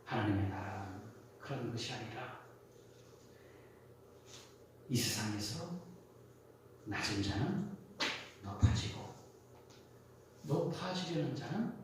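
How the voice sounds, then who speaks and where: Pastor man preaching, voice jumps up and down a lot, slightly high, super echoey hall, far from the mic. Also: slow, long pauses, background noise. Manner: animated storytelling, asks the congregation questions. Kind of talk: sermon. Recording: echoey church hall from a distance.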